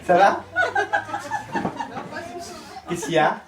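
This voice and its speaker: High-voiced male stage hypnotist with crowd. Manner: slow hushed trance commands between playful teasing. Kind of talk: live hypnosis show. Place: campsite entertainment outdoors. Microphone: handheld microphone. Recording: live audience crowd behind. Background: audience crowd.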